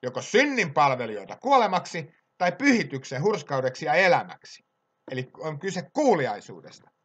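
A man preaching a sermon with passion, swinging between loud exhortation and quiet asides. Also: fairly high pitch, big pitch swings, slightly rough.

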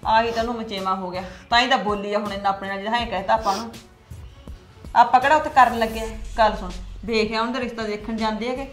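A woman's voice: fairly high pitch, steady tone, fast, faint music behind, lightly acted. A middle-aged woman, playing a protective, pleading mother in a family drama series. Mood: worried. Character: anxious protective village mother.

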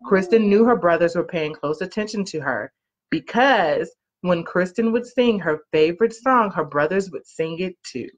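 A parent-style reader with a lowish, expressive voice and moderate pace tells a picture-book story to children from her couch in a small living room. She elongates key words and poses questions to her listeners, and the arm's-length laptop or webcam mic gives the recording a muffled, lo-fi quality.

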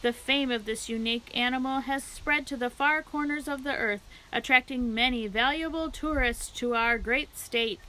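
A woman's voice: high voice, pushed and bright, a little hiss or hum, voice pushed up, rough recording. A woman putting on a pompous fair announcer. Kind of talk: reading a children's book aloud.

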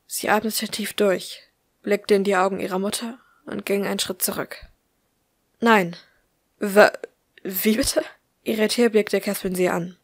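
Woman calmly reading a story out loud, mid pitch, dry sound. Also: moderate pace, no room sound. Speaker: audiobook reader. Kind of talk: scripted narration of fan fiction.

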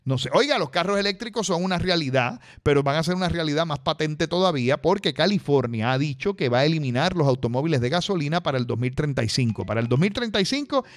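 Lively chatty man doing a tech segment. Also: a little high, fast talker, hardly any pauses. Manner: chatty, addresses listeners directly. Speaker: technology segment contributor.

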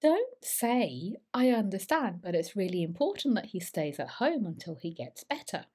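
A woman teaching exam speaking skills to camera, lively and emphatic as she gives advice. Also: medium pitch, moderate pace, breathy edge.

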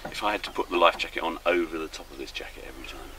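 An older man with a very low, deep voice talks easily to a handheld camera as he drifts down a river in a small boat. His tone is relaxed and chatty, as if thinking out loud. Birdsong and open-air river sounds come through clearly around him. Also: racing, noisy background. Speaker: solo small-boat voyager. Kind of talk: casual travel vlog commentary. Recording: outdoor birdsong and river ambience.

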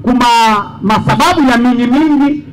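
A man interpreting a preacher line by line at an outdoor church meeting, echoing each phrase and rising to shouts. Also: extremely high pitch, moderate pace, slight background noise. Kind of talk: live sermon interpreting. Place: outdoor tent gathering.

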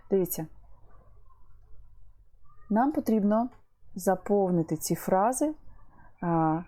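A woman teaching an online language lesson, explaining patiently, repeating words and pausing with fillers. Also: on the low side, warm tone.

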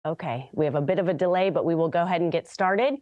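A woman's voice: on the low side, fast, dry recording, dull audio. An American woman presenting and interviewing in a morning television news style.

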